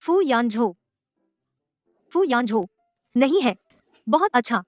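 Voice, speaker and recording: An actress playing a sharp-tongued, money-minded young wife in a dubbed drama, brash and mocking. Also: female voice, fairly high pitch, big pitch swings, slow, no echo, soft background music. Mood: exasperated. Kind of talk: Hindi drama dub.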